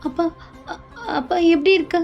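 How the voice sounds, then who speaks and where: A woman's voice: moderate pace, lo-fi sound, soft background music, close to an everyday voice. A woman voicing a desperate young daughter who pleads through tears. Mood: pleading. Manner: pleading, tearful. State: crying.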